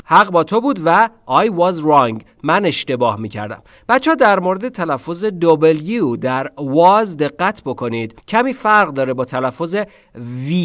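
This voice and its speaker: A man with a fairly high voice teaching English in a dry, close recording. His first language is Persian. He drills short phrases slowly over and over, then switches to playful scolding of his students. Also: a bit bright, no echo. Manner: drills English phrases slowly and repeats them, then teases viewers in quick asides. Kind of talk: online language lesson.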